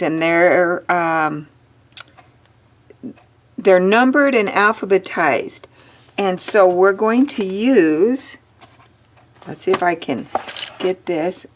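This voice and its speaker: A woman teaching a drawing lesson, chatting and thinking aloud as she draws, with the hiccups. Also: fairly low pitch. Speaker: art teacher.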